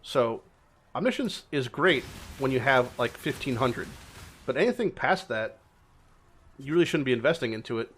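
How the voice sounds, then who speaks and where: A man's voice: medium pitch, expressive, normal speed, a bit bright, a little hiss or hum. A man giving informal gameplay commentary as a streamer, swearing freely and repeating words for emphasis. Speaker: game streamer.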